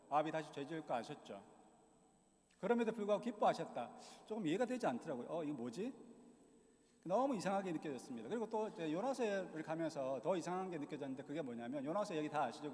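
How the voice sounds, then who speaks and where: A middle-aged man preaching a sermon in a church, telling the stories in a lively way and acting out the voices of the people in them. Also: a little high. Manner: animated storytelling, acting out quoted voices. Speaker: missionary preacher. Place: church hall. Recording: long hall reverb in a church.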